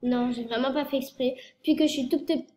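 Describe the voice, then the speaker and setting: A French girl in her early teens, a YouTuber, rambles through a casual vlog full of fillers and self-corrections, her nose stuffed up from a cold. The woman's voice is high-pitched and darkish, with a steady tone and a fairly quick pace. The room is echoey, with faint noise in the background.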